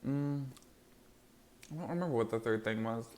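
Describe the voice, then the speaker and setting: A man's voice: mid-range voice, moderate pace, darkish tone, a little hiss or hum. A man hosting an eating show, chatting casually and in a rambling way to viewers while chewing as he talks. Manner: rambling, loosely strung thoughts. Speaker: mukbang host.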